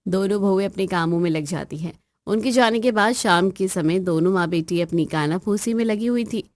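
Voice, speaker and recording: A woman narrating a household family drama in a plain, even storytelling voice. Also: mid-range voice, moderate pace, dry recording, studio quality.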